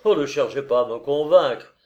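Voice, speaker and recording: A man's voice: mid-range voice, expressive, moderate pace, a little mellow, dull audio, lightly acted. Man playing a cold stern nobleman. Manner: firm and raised.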